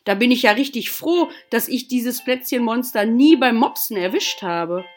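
A woman's voice: a little high, expressive, moderate pace, voice pushed up, lightly acted. A woman voicing a startled, playful mother in a children's story she reads aloud. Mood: mock dismay.

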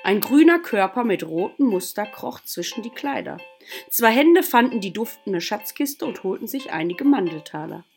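A woman teacher reading a children's story aloud to her class, slow and expressive. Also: medium pitch, creaky, soft background music.

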